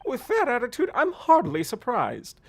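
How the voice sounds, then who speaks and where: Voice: mid-range voice, huge pitch swings, moderate pace, voice pushed up. A player voicing an older mother from a video game as a nagging, scolding old hag. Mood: nagging, disapproving. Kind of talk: video game dialogue read aloud.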